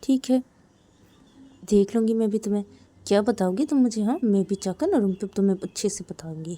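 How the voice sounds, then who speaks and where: Brief: a pouting, jealous young woman muttering threats, mellow tone, a woman narrator voicing her. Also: mid-range voice, a little fast, natural voice. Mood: muttered threats.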